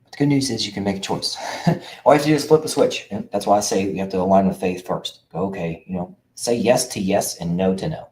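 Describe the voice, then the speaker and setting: A man's voice: lowish voice, fast talker, darkish tone, slight background noise. A middle-aged man hosting a show for veterans, talking casually to camera in an emphatic, preachy way, repeating himself with lots of uhs. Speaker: veterans' benefits coach and show host. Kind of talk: casual direct-to-camera monologue.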